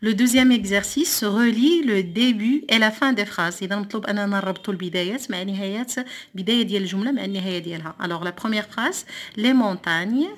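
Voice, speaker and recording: A Moroccan woman teaching a primary school French lesson, reading words slowly and clearly, then explaining quickly. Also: medium pitch. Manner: slow deliberate dictation of words, switching to quick explanations.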